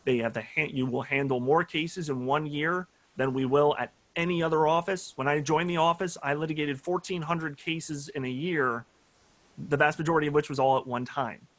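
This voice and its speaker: A man's voice: on the high side, steady tone, normal speed, a bit bright, no echo. Earnest man with a dry close sound. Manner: earnest, frequent uh fillers. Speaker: judicial candidate. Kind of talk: candidate forum answer.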